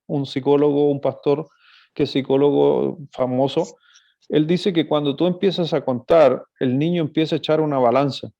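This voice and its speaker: A man preaching to parents in a sermon-style lecture, his voice gravelly with a slightly high, dark tone. He explains earnestly and keeps posing rhetorical questions to the audience. The recording is dull and lo-fi. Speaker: pastor giving a talk on marriage and parenting.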